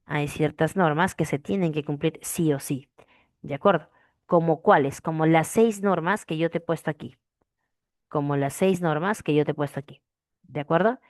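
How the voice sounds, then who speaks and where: A woman's voice: deep voice, moderate pace, a little mellow, no room sound, clean studio sound. A woman teacher, explaining a grammar lesson and repeating key phrases as she checks understanding. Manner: repeats key phrases, asks frequent "¿de acuerdo?". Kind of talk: classroom language lesson.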